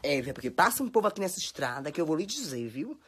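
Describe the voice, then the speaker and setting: At home with her phone, a young Bahian woman talks fast in a low voice full of big pitch swings, background noise audible. The social media personality, who has a Bahian Brazilian Portuguese accent, tells casual stories while scolding and chattering dramatically.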